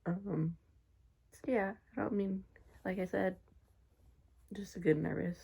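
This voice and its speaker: A young woman vlogging in a heavily fried, gravelly voice with very little melody. She sounds nasal and stuffed up. Her delivery is mellow and informal, with slang and swearing. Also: medium pitch, fairly even intonation, a little slow. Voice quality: nasal, congested. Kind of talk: casual personal vlog to camera.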